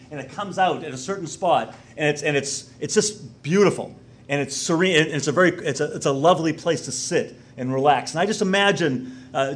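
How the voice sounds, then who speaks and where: Rambling middle-aged male preacher. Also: on the high side. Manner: rambling, many restarts and fillers; grows louder and more urgent when exhorting. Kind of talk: conversational sermon.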